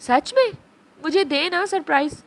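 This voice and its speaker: A woman's voice: sits high, moderate pace, a bit bright. A woman voicing a small, innocent girl who misses her mother, in a sweet, pleading childlike voice. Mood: excited.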